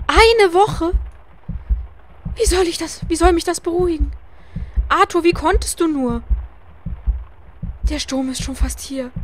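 A woman's voice: darkish tone, slight background noise, close to an everyday voice. A woman voicing a young female composer who is anxious and overwhelmed, speaking in a strained, panicky way. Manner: high, strained, panicked delivery.

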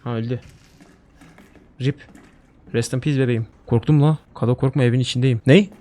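A young man streaming a horror game, swearing a lot and jumping into loud panicked outbursts. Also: medium pitch, steady tone, brisk, a little hiss or hum. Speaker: gaming streamer. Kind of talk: horror game let's play.

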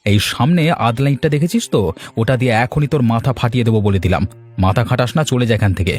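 A man's voice: mid-range voice, fast, a little mellow, husky, faint music behind, lightly acted. A man voicing a hot-tempered newly married young man in a cartoon, blunt and angry. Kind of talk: cartoon voice acting.

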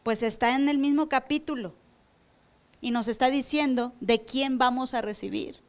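Lady pastor, high voice, preaching at church, lots of questions to the crowd. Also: normal speed. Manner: preaches with rhetorical questions, acts out church members. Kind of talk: sermon. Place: church service.

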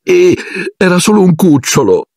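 A man's voice: on the high side, animated, a little slow, breathy edge, no room sound, clean studio sound, pitched above the performer's own voice, full character voice. A man doing a wailing, tearful teenage girl. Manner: wailing, self-pitying. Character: teenage girl, dramatic and tearful over a dead pet. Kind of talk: audiobook character voice.

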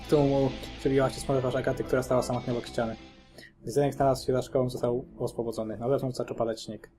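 A man narrating a dark story in a quick reading voice. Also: mid-range voice, flat delivery. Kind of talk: scripted narration of a horror story. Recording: faint guitar music behind.

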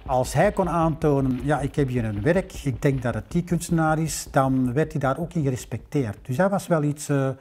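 This Flemish man in his fifties directs a museum and, sitting in a library room with a lapel mic, narrates a collector's history for a documentary. His pitch is fairly high and his tone darkish. He takes his time like a storyteller, now and then filling gaps with "eh."

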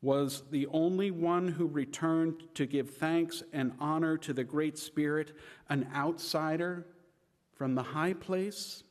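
A male pastor reading scripture aloud in a church service, slow and measured with lifted emphasis. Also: fairly high pitch. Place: church sanctuary. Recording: long reverb of a church sanctuary.

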